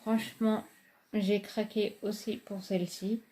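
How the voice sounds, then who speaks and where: A woman's voice: mid-range voice, flat delivery, measured pace, warm tone. A woman, casually reviewing makeup palettes in a chatty, hesitant way with many fillers. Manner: enthusiastic about products. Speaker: beauty vlogger.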